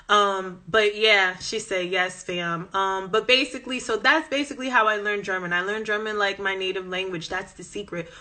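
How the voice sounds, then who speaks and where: Her voice is mid-range with a sharp tone: a Southern American woman, host of a language-learning Instagram account, chatting with passion on a phone live stream while reading viewer comments as she goes.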